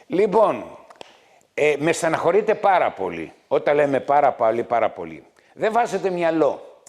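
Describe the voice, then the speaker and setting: A middle-aged man hosting a health show as a doctor, scolding his viewers loudly and repeating his points again and again. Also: fairly high pitch, very animated. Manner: loud, scolding, repetitive, hammering points. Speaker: TV doctor host.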